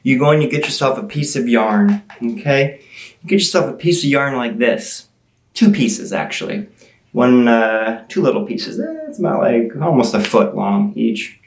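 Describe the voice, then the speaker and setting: A woman with a low-pitched voice plays to children as a party magician. She teases playfully and coaxes them along with questions in magic show patter. The sound is roomy and echoing. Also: moderate pace, vocal fry.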